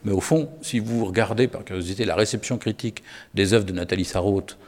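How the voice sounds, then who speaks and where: A man's voice: on the low side, brisk, darkish tone, big-room sound. A man talking about literature as an editor, hesitant, with many fillers and restarts. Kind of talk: spoken literary discussion.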